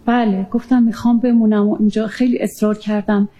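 A woman recounting a near-death experience in an earnest, halting way, often pausing with fillers. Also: medium pitch, little pitch movement, dark tone, slight background noise. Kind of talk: emotional personal testimony.

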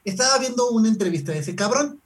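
A man's voice: high voice, lively intonation, fast. A Mexican man hosting a casual comedy podcast, joking like a frat bro with crude slang and plenty of swearing. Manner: laughs often while talking. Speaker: podcast host.

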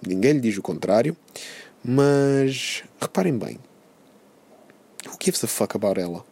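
A young man hosting a podcast, ranting casually in a sarcastic, profane, animated way. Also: medium pitch, measured pace, creaky, breathy edge. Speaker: podcast host.

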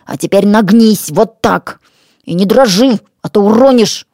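A woman's voice: mid-range voice, a little slow, dark tone, no room sound, studio quality, lightly acted. Woman playing a bossy boy posing as a demon. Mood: commanding. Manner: commanding, gruff. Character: bold invisible village boy posing as a demon.

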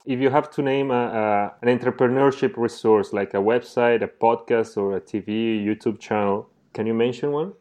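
A man's voice: mid-range voice, moderate pace, few pauses, darkish tone. A male podcast host who reads a scripted introduction and then asks his guest short questions. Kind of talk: interview hosting.

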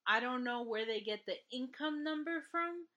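A woman from New York, co-hosting a casual chat, animated and quick to launch into a rant between laughs. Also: high voice, highs cut off.

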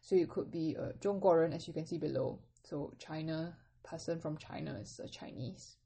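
A woman teaching a lesson, patiently explaining in English and reading out phrases slowly with careful tones. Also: low voice, gravelly, warm tone, breathy edge. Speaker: Mandarin teacher. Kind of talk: podcast language lesson.

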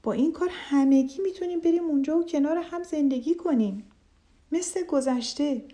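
A cheerful, loyal duck from a children's fable chimes in with eager enthusiasm, as a woman storyteller puts it on. The voice is warm and mellow, on the high side for a woman. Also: lightly acted.

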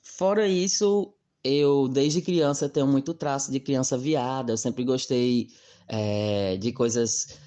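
Mellow man. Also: mid-range voice, slow pace. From Mossoró, Brazil. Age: 20s. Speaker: guest. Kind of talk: personal testimony.

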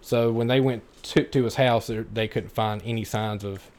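A man's voice: fairly low pitch, steady tone, normal speed, darkish tone. Laid-back man on a podcast. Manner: laid-back, questioning, casual swearing. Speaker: podcast co-host. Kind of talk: casual chat.

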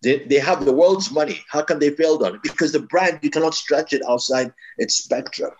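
A man's voice: on the high side, fairly quick, dull audio, a little hiss or hum. A man from East Africa, a branding expert being interviewed, explaining in an emphatic, advising way with frequent restarts.

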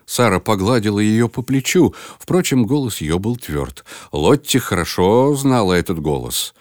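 A man hosting and narrating a children's book reading in an expressive manner. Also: lowish voice, a little slow, no room sound, clean studio sound. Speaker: storyteller host.

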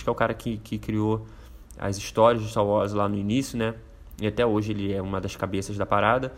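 A man with a Brazilian Portuguese accent hosting a casual explainer, laid-back and slangy, rambling with fillers. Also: lowish voice. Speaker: host explaining a topic.

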